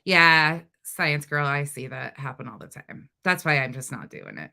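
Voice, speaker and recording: Speaking in a low, gravelly voice at a slightly slow pace, a middle-aged woman from North Dakota, USA, chats casually on her livestream and responds to comments. She swears freely and comes across as blunt and lively, with a light North Dakota accent.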